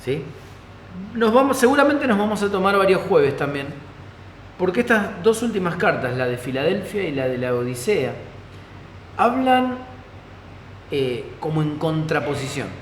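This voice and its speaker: A man's voice: on the high side, sing-song, moderate pace, pauses often. A pastor with a Rioplatense Spanish accent teaching a Bible study in a conversational way, often checking in with his listeners. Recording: echoey hall, faint ambient noise.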